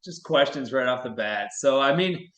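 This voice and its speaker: A man's voice: mid-range voice, lively intonation, normal speed, fairly bright tone, muffled recording. A man hosting a casual podcast interview, upbeat and joking with his guest. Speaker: podcast host. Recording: echoey room with faint music.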